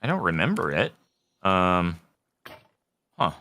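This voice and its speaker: A man's voice: deep voice, big pitch swings, slow, pushed and bright, slight background noise. A man giving casual game commentary, thinking aloud as he plays. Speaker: gaming streamer.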